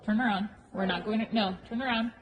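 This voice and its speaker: A woman riding instructor coaching a live lesson with brisk, projected commands, short and repeated, blunt and exacting in her corrections. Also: mid-range voice, fairly even intonation, highs cut off. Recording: reverberant hall with clear background noise.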